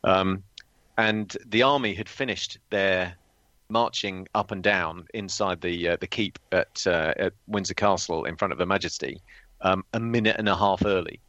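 Man, low voice, former pilot, podcast co-host, dry teasing banter, muffled lo-fi sound, no room echo. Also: moderate pace, fairly bright tone. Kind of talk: casual podcast chat.

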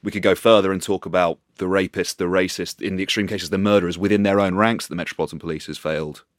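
A man's voice: low voice, steady tone, quick pace, dry recording, clean studio sound. A man presents and interviews as a podcast host.

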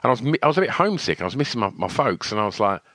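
A man hosting a conversational interview, telling a personal story in an animated way and laughing as he talks. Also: mid-range voice, very fast, dry recording. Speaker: podcast host.

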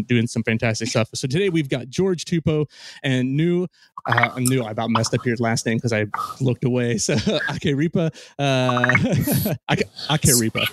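A podcast host with a medium-pitched voice chats casually with guests, rambling loosely with plenty of ums and restarts. There is slight background noise in the interview.

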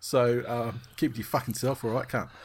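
A man's voice: mid-range voice, fairly even intonation, fairly quick, heavy background noise. A man with an Australian accent hosting a podcast in casual, sweary banter, often repeating and rephrasing himself. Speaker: podcast host.

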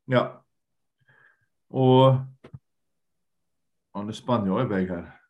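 A man's voice: lowish voice, darkish tone, highs cut off. A man speaking as a guest in a candid conversation, earnest and reflective, often trailing off and repeating words. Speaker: podcast guest, lecturer.

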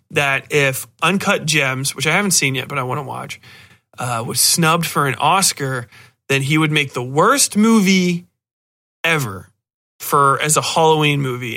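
On the high side, bright and forceful, this man's voice carries a casual podcast review of a horror movie. He wanders from point to point, cursing bluntly and sardonically and throwing in exasperated remarks.

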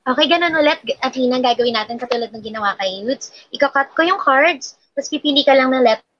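A woman's voice: sits high, fast, highs cut off, slight background noise. A woman hosting a live stream, giving tarot readings in casual, laughing chat that mixes Tagalog and English.

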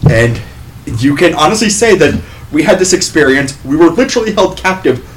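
A man's voice: a little high, lively intonation, fairly quick. A man playing a tabletop role-playing game, talking casually and speaking for his character. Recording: faintly noisy room.

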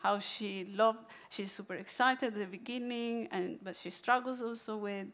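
A book presenter, a woman with an Italian accent and a mid-range, fairly bright voice, casually shares books she loves and reads a poem aloud. Her delivery is halting, full of pauses, fillers and restarts.

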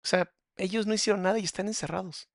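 A man's voice: high-pitched, steady tone, fast, creaky, dry recording, clean studio sound. A man with a Mexican accent, giving mocking, crude, sarcastic reaction commentary as a psychologist.

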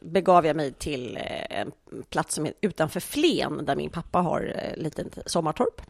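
A woman's voice: low-pitched, animated, creaky, no room sound, clean studio sound. A woman co-hosting a casual chat, chatty and self-mocking as she tells stories. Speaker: podcast co-host.

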